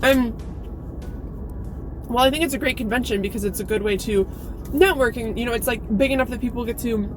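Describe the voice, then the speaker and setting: A woman's voice: a little high, brisk, pauses often, over music. A woman from Alaska with an American accent chats casually to her viewers in a candid, informal, sweary way, like a vlogger. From Alaska, United States. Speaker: YouTube book reviewer and vlogger. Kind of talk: casual vlog chat. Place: inside a parked car.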